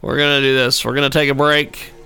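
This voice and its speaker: A man's voice: medium pitch, level tone, fairly quick, gravelly, sharp tone, clear, resonant tone, no echo, faint music behind. A man hosting a live broadcast show, talking casually and joking sarcastically about technical trouble. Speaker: radio show host.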